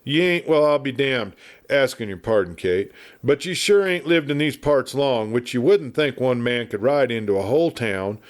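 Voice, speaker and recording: Voicing a storybook frontier marshal who is talkative, kindly, and quick to anger, this man speaks at medium pitch and normal speed, expressive but only lightly acted. He uses an American Western drawl full of folksy, blustery chatter, sounding gossipy and animated.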